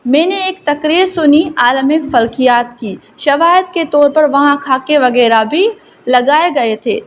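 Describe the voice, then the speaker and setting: High-voiced Pakistani woman teaching English slowly. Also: slight background noise, low-quality recording. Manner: reads English slowly, then explains it in Urdu. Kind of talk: recorded classroom lesson.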